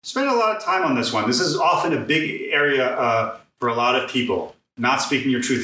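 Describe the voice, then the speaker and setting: A man's voice: medium pitch, bright, forceful tone, far from the mic. A man teaching healing vowel sounds as a podcast guest, singing each tone and checking in with "right?". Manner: demonstrates vowel tones by singing them; earnest, ends points with "right?". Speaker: vocal sound healer guest. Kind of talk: guided chakra sound teaching. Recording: echoey room, voice off-mic.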